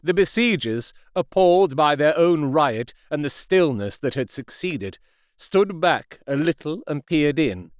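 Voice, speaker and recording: A man narrating a classic novel as an audiobook in a measured, expressive way. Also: a little high, no echo, clean studio sound. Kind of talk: scripted narration.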